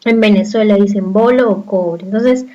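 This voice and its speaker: A woman's voice: mid-range voice, normal speed, warm tone, muffled recording. A woman from Peru with a Peruvian accent, teaching a recorded class and explaining step by step with frequent rhetorical questions to the students. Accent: Peruvian Spanish.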